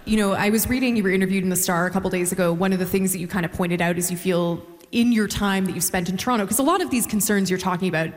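A woman's voice: medium pitch, rapid-fire, hardly any pauses. A woman interviewing a guest on stage, asking long, thoughtful questions. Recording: reverberant hall.

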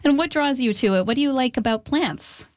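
A woman hosting a radio interview, reading intros and asking questions in a clear, measured way. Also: high-pitched, expressive, no room sound, studio quality. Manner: clear, measured scripted delivery. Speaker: radio host.

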